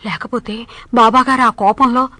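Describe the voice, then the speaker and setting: A woman's voice: a little high, fairly even intonation, normal speed, sharp tone, no echo. An actress playing a sensible, caring female devotee giving practical advice. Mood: concerned. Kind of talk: devotional drama dialogue.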